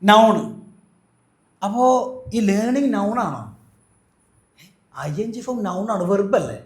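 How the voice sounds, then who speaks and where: A man's voice: sits high, expressive, slow pace, roomy sound. A man teaching an English grammar lesson, asking questions and answering them himself. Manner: asks and answers his own questions, repeats key points.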